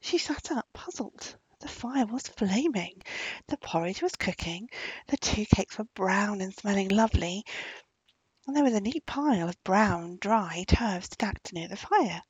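A woman narrating a folk tale gently, sometimes dropping into soft whispers. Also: medium pitch, animated, a little slow, breathy edge, dry recording, low-quality recording. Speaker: storyteller. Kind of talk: storybook narration.

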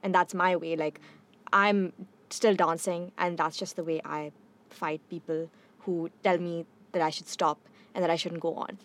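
A woman's voice: fairly low pitch, little pitch movement, normal speed. A woman speaking as a podcast guest in informal, casual conversation. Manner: informal, leans on "like".

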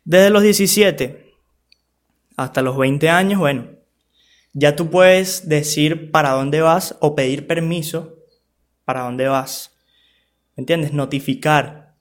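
A man's voice: fairly high pitch, slow, long pauses. Frank slangy man. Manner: frank and loose, with street slang and swearing; talks straight to the listener, asking for agreement. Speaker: vlogger giving advice to parents and teens. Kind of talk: casual advice monologue.

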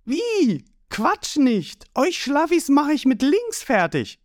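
A man voicing a brash, fearless young male pirate who yells in a high, cocky voice, in a read-aloud manga story. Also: huge pitch swings, slow pace, no echo, studio quality, exaggerated voice. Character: brash cheeky boy pirate, fearless and loud.

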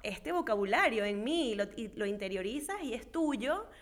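High-voiced Venezuelan woman telling stories. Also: moderate pace. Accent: Venezuelan Spanish. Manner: animated storyteller, laughs often, acts out quotes. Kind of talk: casual chat.

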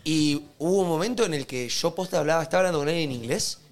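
A man's voice: fairly high pitch, fast talker, soft background music. A young man with an Argentine Rioplatense accent, chatting and joking with friends as a podcast co-host. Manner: joking, chatty, laughs while talking. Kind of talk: casual group chat.

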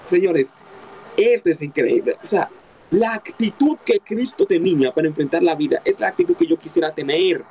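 A man's voice: fairly high pitch, lively intonation, moderate pace, dark tone, a little hiss or hum, rough recording. A man preaching a sermon, emphatic, repeating key phrases and asking his listeners rhetorical questions.

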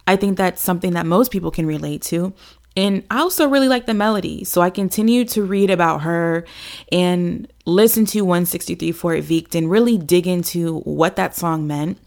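A woman's voice: on the low side, normal speed, gravelly, darkish tone. A woman hosting a podcast gives a chatty, upbeat intro to the episode. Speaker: podcast host.

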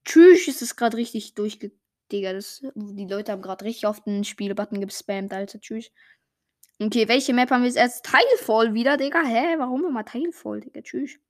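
A young, slangy gamer giving excited casual commentary while playing, full of exclamations and swearing. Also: mid-range voice, moderate pace. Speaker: gaming streamer playing a party game.

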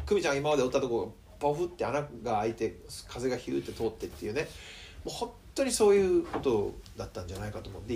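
A man preaching a sermon in a chatty, lively way, asking his audience questions. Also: medium pitch, a little hiss or hum. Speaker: pastor.

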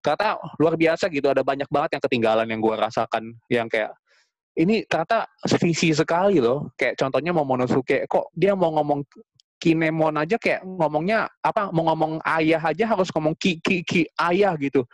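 A man's voice: on the high side, brisk, dry recording. A man co-hosting a podcast, chatting in slangy speech and telling stories with quoted asides. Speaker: podcast co-host. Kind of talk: casual chat.

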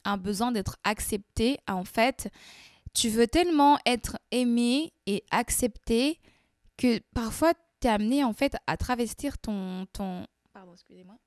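A young woman with a Portuguese accent, a content creator talking straight to her viewers in a casual advice monologue, animated and acting out little dialogues. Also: on the high side, unhurried, no echo, clean studio sound.

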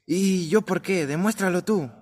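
A man's voice: high-pitched, measured pace, darkish tone. A man voicing a small, stubborn lion cub in a children's audio story, speaking in an insistent, indignant way.

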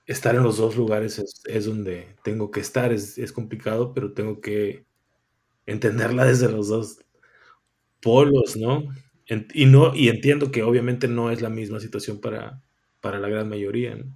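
A man's voice: lowish voice, gravelly, a little mellow. A man from Tijuana, a writer and visual artist answering interview questions thoughtfully, often restarting phrases and adding tag questions. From Tijuana, Mexico.

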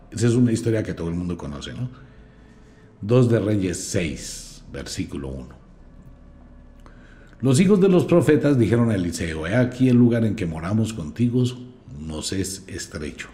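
A man, hosting a podcast and reading scripture aloud with blunt, mocking commentary. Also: low voice. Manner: mocking, blunt, lively storyteller. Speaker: podcast host. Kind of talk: scornful commentary with Bible reading.

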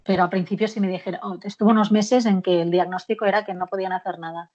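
A woman guest talks openly about her own experiences, pausing with fillers and laughing from time to time. Her voice sits at a middle pitch. The recording sounds a little muffled. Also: fairly even intonation. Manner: warm and frank, laughs often, hesitant fillers. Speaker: guest, author of a memoir. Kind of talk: candid personal interview.

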